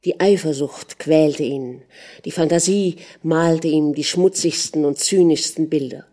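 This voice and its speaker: A woman narrating a literary audiobook in a measured, dramatic manner. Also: low voice, warm tone.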